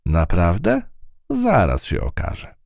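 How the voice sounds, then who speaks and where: A man's voice: deep voice, huge pitch swings, slow, gravelly, a little mellow, dry recording, clean studio sound, pitched above the performer's own voice, exaggerated voice. A man voicing a tough, one-eyed female field mouse in a storybook reading, brash and scolding. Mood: complaining.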